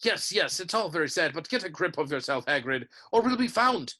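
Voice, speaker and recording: A man's voice: fairly high pitch, very animated, fairly quick, bright, forceful tone, pitched above the performer's own voice, heavily acted. A man raising his voice into a stern older witch. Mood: urgent.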